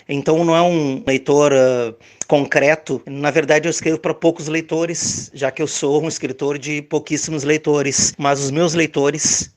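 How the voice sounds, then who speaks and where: A male author muses in a reflective, poetic way. His voice sits a little higher than most men's. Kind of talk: recorded personal reflection.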